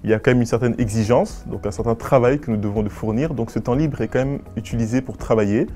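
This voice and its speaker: A nineteen-year-old man from West and Central Africa, a business school student giving formal, measured and articulate interview answers. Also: medium pitch, dark tone, soft background music. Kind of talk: prepared interview answers to camera.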